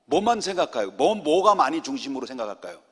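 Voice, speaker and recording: A middle-aged man, a senior pastor, preaching a lively sermon and joking with his congregation. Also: fairly high pitch, quick pace, husky. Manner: animated, jokes with the congregation, acts out quotes. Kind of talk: lively Friday prayer-meeting sermon. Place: church sanctuary. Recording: long church hall reverb.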